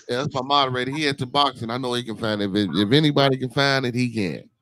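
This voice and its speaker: Chicago guy hosting a live podcast, laid back and slangy, middle pitch, says man a lot. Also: a little fast, fairly bright tone, no echo. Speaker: podcast host. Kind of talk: casual live-stream chat.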